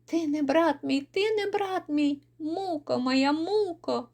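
A woman voicing a lively young village girl who pleads and cries out in quick, excitable bursts. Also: high-pitched. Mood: distraught.

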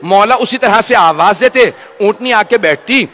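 High, bright-voiced impassioned preacher man. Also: expressive, a little slow. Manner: impassioned, rising to wailing shouts; addresses the gathering directly. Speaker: cleric. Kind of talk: mourning sermon recitation.

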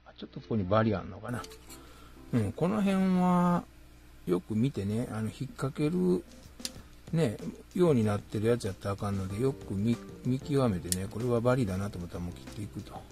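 A man's voice: mid-range voice, expressive, a little fast, warm tone, soft background music. A man with a Kansai accent chatting casually to himself while building a plastic model kit. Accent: Kansai Japanese. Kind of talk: casual hands-on narration.

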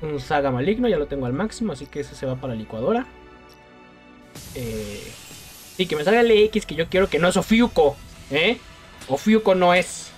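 A man's voice: on the high side, animated, normal speed, faint music behind. A man with a Mexican accent giving casual gameplay commentary, exasperated and self-mocking and laughing often. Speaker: gaming youtuber.

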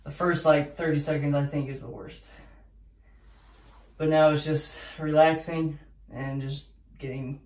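A young adult male vlogger chats casually to the camera from a small bathroom at home. His voice is fairly high, flat and unhurried, with long pauses and a darkish tone. The camera sits a few steps away, so the sound is echoey, distant and noisy.

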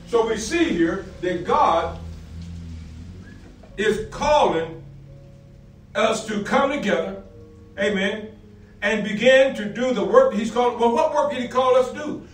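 Here a middle-aged man in a pastor's role gives a scripture-based sermon in an animated, high-sitting voice that is a little slow with frequent pauses. His call-and-answer style repeats phrases and is marked by amens, and the roomy, distant recording carries faint music plus a little hiss or hum.

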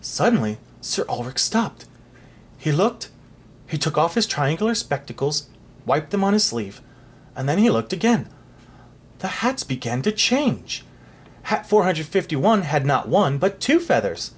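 A reader narrating a storybook aloud for a child in an expressive, animated way. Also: medium pitch, a little slow, slightly rough.

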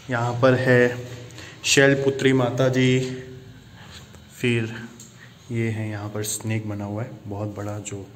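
Slow-talking man narrating a cave tour. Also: medium pitch, a little hiss or hum. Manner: exclaims often, mixes English into Hindi. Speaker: travel vlogger. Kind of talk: walking tour vlog narration. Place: man-made underground temple cave.

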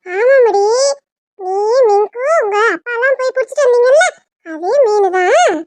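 A sharp-tongued village mother in a cartoon, voiced by a woman with a southern Tamil Nadu accent. She nags and mocks in a very high, dry voice. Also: animated, a little slow, no room sound. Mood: teasing. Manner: nagging, sarcastic.

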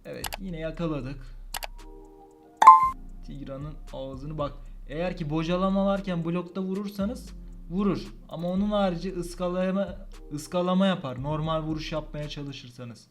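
A fairly high-voiced man narrates his mobile game as he plays it. He grumbles, swears at the game and bursts out in frustration, with faint game music under his voice. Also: normal speed, a little mellow. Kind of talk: gameplay commentary.

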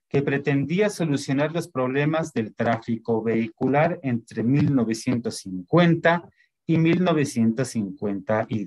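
A man gives an online lecture. He talks at a medium pitch, reading out dates and lists and filling his pauses with many hesitations.

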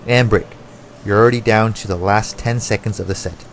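A man's voice: on the low side, fairly even intonation, brisk, slight background noise. A man working as a boxing coach, calling out combinations and timing cues in short, motivational commands. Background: music.

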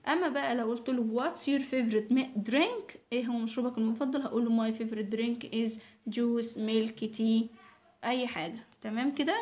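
A woman with an Egyptian Arabic accent teaching English to young children, patiently repeating each new word slowly several times. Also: on the high side. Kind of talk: recorded lesson for young children.

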